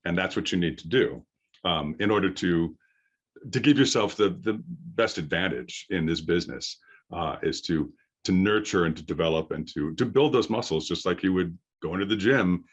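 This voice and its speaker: A middle-aged man with a deep, firm voice gives an informal workshop lecture as a voice acting coach, explaining haltingly with pauses for thought. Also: lively intonation, husky, highs cut off.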